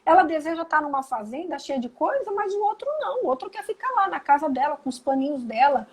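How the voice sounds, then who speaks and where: This guest, a Brazilian woman psychologist with a Brazilian Portuguese accent, talks fast in a high voice during a casual live video call. She's animated, acting out the lines she quotes as she explains, and the recording is low quality.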